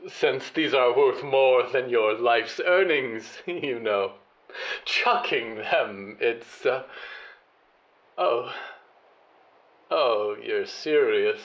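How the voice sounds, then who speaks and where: A man's voice: medium pitch, animated, very slow. A man voicing a big, haughty show-business lady with a grand, condescending drawl in an audio drama. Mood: condescending amusement. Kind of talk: audio fiction monologue and dialogue.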